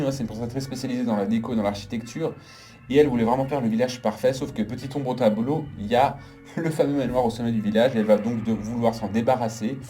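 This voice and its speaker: A man talks through a casual movie review with strong, emphatic opinions, stacking intensifier on intensifier. His voice is mellow and on the dark side, at an ordinary male pitch. Soft music runs faintly in the background. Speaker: film critic. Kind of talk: casual video film review.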